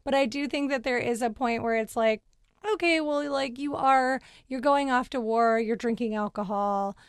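A woman in her thirties co-hosting a podcast, telling stories in an animated way and laughing often. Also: fairly high pitch, normal speed, clean tone, no echo, clean studio sound. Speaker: podcast co-host. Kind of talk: casual chat.

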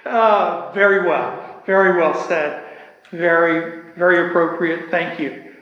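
Slow, earnest man in echoey hall. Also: on the high side, steady tone, highs cut off. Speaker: discussion class teacher. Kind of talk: church Bible class discussion. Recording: echoey hall with long reverb.

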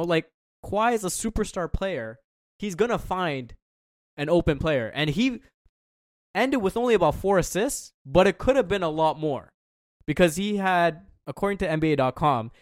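A man on a sports panel, playful and animated, who keeps backing his points with numbers. His voice sits a little high, recorded close and dry. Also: normal speed, no echo. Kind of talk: casual sports talk.

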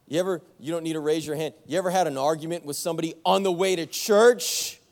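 A young adult male pastor preaching a sermon, telling a story with animated back-and-forth and poking fun at himself. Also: fairly high pitch, fairly quick, long reverb tail. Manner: animated storytelling, acts out both sides of an argument, self-mocking. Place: church sanctuary.

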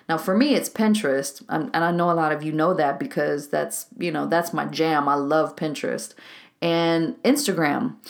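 Podcast host, woman, life coach, lower register, candid and self-mocking. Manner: chatty and candid, laughs at herself. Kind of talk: casual solo podcast talk.

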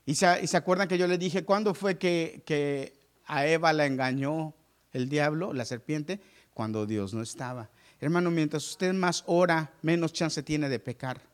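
A male pastor delivers a lively sermon to his congregation. He moves from booming, emphatic questions to quiet, confiding asides. His voice sits somewhat high for a man. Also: normal speed, clean tone. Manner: dynamic preaching, swinging from loud exclamations to hushed asides.

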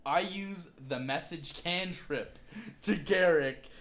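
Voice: medium pitch, takes it slowly, a bit bright. A player in a casual tabletop game, hesitant and prone to giggling.

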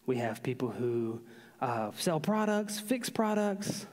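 Animated male preacher in an echoing hall. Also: medium pitch. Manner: storytelling, animated, drawn-out emphasis. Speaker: pastor. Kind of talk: sermon. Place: large church hall. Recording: long reverb of a large hall.

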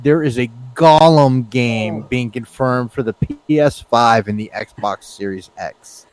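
A man's voice: medium pitch, slow. A man co-hosting a casual chat, swearing freely and talking with animation. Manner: profane, animated, swears often. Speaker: podcast co-host.

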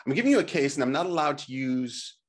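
A man's voice: medium pitch, expressive, quick pace. A middle-aged man giving a motivational slide presentation, emphatic and coaching, putting questions to the listener and checking in. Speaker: presenter and teacher on health technology.

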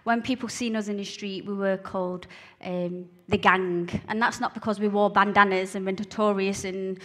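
A woman with a broad Glaswegian Scottish accent, telling a personal story to listeners in an earnest, halting way, repeating phrases for emphasis. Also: mid-range voice, level tone. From Glasgow, Scotland. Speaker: speaker giving a testimony. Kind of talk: personal testimony told to listeners.

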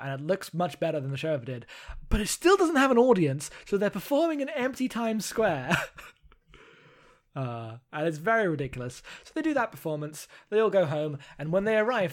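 A man co-hosting a podcast, casually recapping an anime movie in a rambling, amused way with lots of fillers. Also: a little high. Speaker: podcast co-host.

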